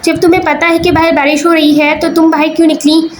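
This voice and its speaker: A quick-tempered, protective young man in a spoken storybook, curt and scolding, as a woman narrator puts him on. The voice is high. A faint hiss sits behind it. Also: little pitch movement. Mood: stern.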